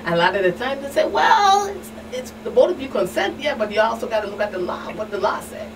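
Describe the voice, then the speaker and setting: On a talk show, a guest expert who works as a community outreach specialist answers questions in a Caribbean accent, reenacting conversations with lively energy and repeating phrases. Her voice is on the high side, very animated and fast. A distant microphone captures her along with clear background noise.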